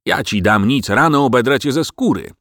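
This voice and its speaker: A man voicing a grumpy middle-aged male farmer who speaks in gruff threats. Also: fairly low pitch, big pitch swings, moderate pace, no room sound, clean studio sound. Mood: angry.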